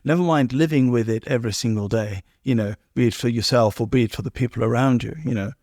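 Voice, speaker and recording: A man's voice: mid-range voice, quick pace, darkish tone, no echo, studio quality. A man hosting a podcast, reflecting thoughtfully and asking tag questions. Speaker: podcast host. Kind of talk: reflective interview talk.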